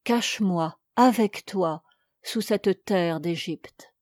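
A proud, despairing queen of Egypt pleads at a grave, read by a woman narrator. The delivery is slow and solemn. The room sound is dry and close. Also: fairly low pitch, a little mellow, dry recording. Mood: grieving plea. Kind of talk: storybook narration.

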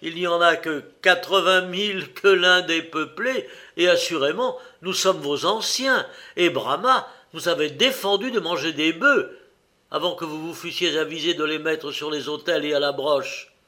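A man's voice: on the high side, moderate pace, bright, forceful tone. A man voicing an earnest Indian sage who speaks emphatically, with sudden exclamations.

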